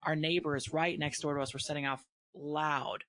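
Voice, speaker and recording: A woman's voice: sits low, fairly even intonation, moderate pace, a bit bright. A woman hosting a casual conversation, talking earnestly and emphatically and thinking aloud as she goes. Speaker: podcast host and dog breeder.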